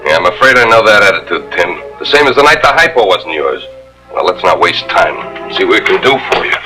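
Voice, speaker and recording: An actor playing a tough, hot-tempered police lieutenant, speaking in a blunt, hard-edged way, heard through the sound of a 1950s TV broadcast with a music bed. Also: male voice, sits low, very animated, a little fast, poor audio. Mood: angry.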